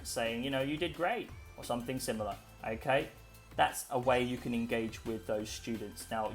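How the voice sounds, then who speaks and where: A young man gives a relaxed walkthrough tutorial, chatting with filler phrases as he clicks along. His voice sits at an everyday middle pitch. A faint music bed plays underneath. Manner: chatty, with frequent "you know" and "okay?". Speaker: online English teacher giving a tutorial. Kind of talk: casual screen-recorded tutorial.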